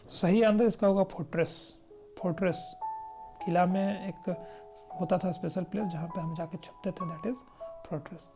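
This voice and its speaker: A teacher from India gives an exam-prep vocabulary lesson. They explain each word patiently, read definitions aloud slowly and keep checking in with the class. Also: mid-range voice, fairly even intonation, over music. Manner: explanatory, checks in often with "right?".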